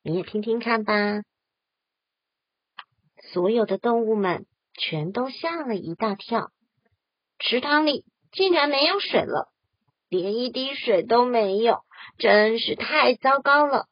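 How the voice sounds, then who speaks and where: Mom reading a kids' story, soft breathy voice, dry and kinda lo-fi. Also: female voice, a little high, animated, slow pace, no echo.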